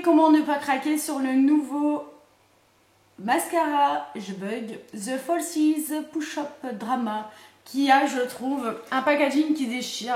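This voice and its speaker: A young woman chatting casually to camera about her beauty purchases, rambling and laughing at herself with lots of fillers. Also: high voice. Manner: chatty, rambling, self-mocking with frequent fillers. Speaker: beauty vlogger. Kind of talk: casual haul chat to camera. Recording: echoey room.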